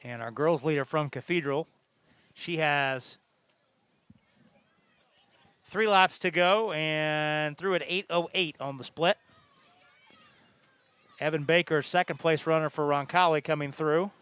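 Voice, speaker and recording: A man giving live sports commentary on a track meet, measured and informative, pausing between facts. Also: fairly high pitch, a bit bright, smooth, no echo.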